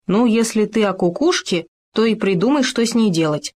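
A small, timid ground squirrel from a storybook talks nervously but sensibly, as a woman reads him. Her voice sits at a middling pitch. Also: expressive, normal speed, a little mellow, close to an everyday voice. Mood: earnest.

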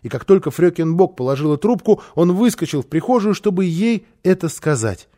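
Animated male storybook narrator. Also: high voice, brisk. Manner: expressive, animated reading. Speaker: audiobook reader.

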